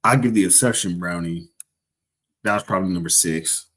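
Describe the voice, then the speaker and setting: A man's voice: sits low, normal speed, fairly bright tone, husky. A young man casually chatting on a livestream, rambling and joking as he corrects himself mid-sentence. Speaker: livestream host.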